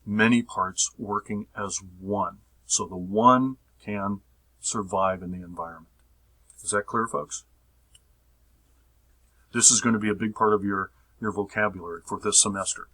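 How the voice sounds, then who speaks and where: A man teaching a recorded physiology lecture, repeating phrases, checking that his listeners follow, and drawing out key terms slowly. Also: fairly low pitch, steady tone, sharp tone, rough recording. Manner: repetitive, checks understanding with the audience.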